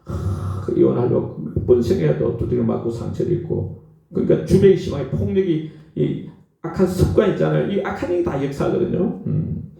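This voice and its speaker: A male pastor delivers an animated sermon in a warm, gravelly voice that rises and falls a lot as he tells his stories. He keeps checking in with his listeners with a quick "eh?" as he goes. He is picked up from a distance in a very echoey hall, and the sound is dull and muffled. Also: fairly high pitch. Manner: animated storytelling, prompts listeners with "eh?".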